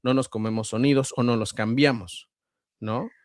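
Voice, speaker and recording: A man with a central Mexican accent, a voice-over artist and guest, explaining at a measured pace with frequent hesitations. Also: mid-range voice, steady tone, no echo, studio quality. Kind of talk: conversational interview answers.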